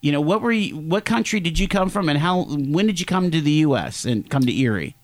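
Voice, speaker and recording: A late-fifties man hosts a radio interview in a lively, rising and falling voice. He talks in a chatty, halting way, full of fillers and restarts. His pitch sits a little high for a man. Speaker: interview host.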